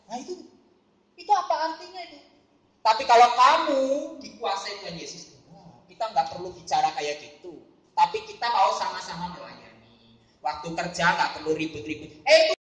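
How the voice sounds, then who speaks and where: A woman's voice: medium pitch, darkish tone. A woman preaching at a school worship service, often asking her listeners questions. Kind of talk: sermon to students. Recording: echoey room.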